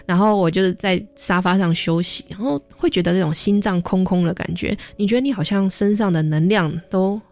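A woman's voice: mid-range voice, brisk, few pauses. A young adult woman, a social worker, telling stories in a radio interview and acting out the voices of people she quotes. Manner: lively storyteller, acts out quoted voices.

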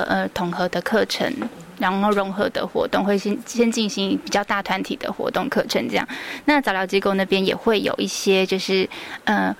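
A woman's voice: mid-range voice, creaky, a little hiss or hum. A woman with a Taiwanese Mandarin accent, a preschool teacher guest on a radio interview, telling stories earnestly with many fillers.

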